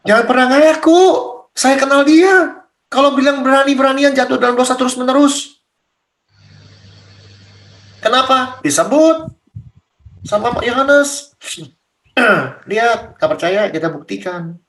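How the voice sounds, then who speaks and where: A man's voice: very high-pitched, a little slow, long pauses, a bit bright. A man as a pastor leading a Bible study, talking bluntly and casually, firing rhetorical questions at his listeners.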